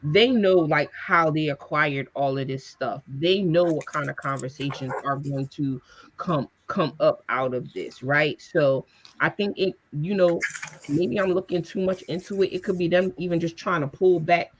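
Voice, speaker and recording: A man's voice: a little high, moderate pace, a little hiss or hum. A man co-hosting a casual panel discussion, emphatic and conversational, often checking in with listeners. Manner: emphatic, conversational, asks "you know what I'm saying". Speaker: podcast co-host.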